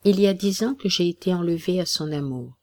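A storyteller voicing a graceful sixteen-year-old male acrobat who speaks gently and politely in a storybook reading. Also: medium pitch, fairly quick, no room sound, lightly acted. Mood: earnest.

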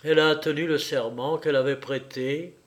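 A man narrating a novel aloud in an audiobook style, with slow, measured reading. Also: a little high, steady tone.

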